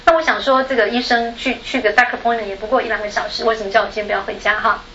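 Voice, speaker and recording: A woman from Taiwan races through a personal story on a panel, speaking in a fairly high voice with fairly even intonation and a Taiwanese Mandarin accent. She's chatty, laughs often, and ends sentences with a soft particle; the audio is echoey and dull with slight background noise.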